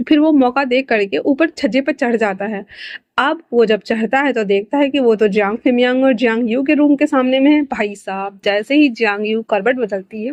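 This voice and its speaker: A woman's voice: a little high, darkish tone, no room sound. A woman narrating a fan-fiction story in a chatty, colloquial way, dropping in English words.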